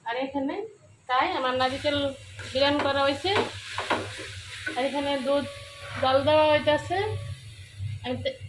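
A woman with a Brahmanbaria Bengali accent talks through a cooking demonstration, explaining local words as she goes. Her voice sits high and stays fairly level in pitch. Faint kitchen sizzling and frying noise runs underneath. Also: level tone, unhurried, pauses often. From Brahmanbaria, Bangladesh. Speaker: cooking vlogger.

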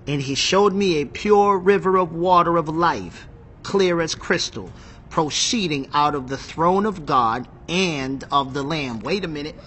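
A man teaching from the Bible in an excitable, emphatic way, repeating phrases and reading scripture aloud while seated. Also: fairly high pitch, a little slow, slight background noise. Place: seated in a chair.

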